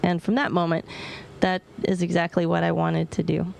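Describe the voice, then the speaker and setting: A woman's voice: lowish voice, little pitch movement, moderate pace, gravelly, a little mellow, a little hiss or hum. A woman astronaut giving informal, plain-spoken answers to students over a space-to-ground radio link. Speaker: astronaut answering questions from orbit. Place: aboard a space station.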